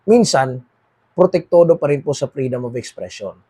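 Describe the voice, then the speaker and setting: A Filipino man with a Filipino accent hosting a political commentary monologue, moving between read English lines and Tagalog and dropping quieter at the end of phrases. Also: mid-range voice, lively intonation, moderate pace, breathy edge. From Philippines. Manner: switches between read English and Tagalog, repeats "mga kaboses, mga kababayan"; trails off quieter at phrase ends.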